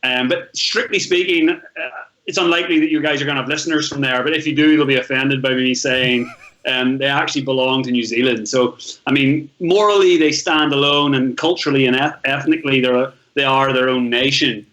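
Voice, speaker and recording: Guesting on a podcast, a travel blogger from Northern Ireland in his thirties rambles casually through his life story, often starting sentences over. He talks fairly quickly at a medium pitch with a fairly bright tone, and the recording sounds rough.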